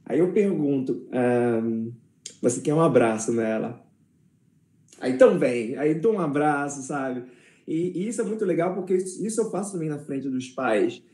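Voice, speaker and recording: A man's voice: fairly high pitch, lively intonation, normal speed, dark tone, echoey room. A Brazilian man interviewing in a casual chat, talking about hugging the children at the school where he works. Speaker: interviewer, teacher.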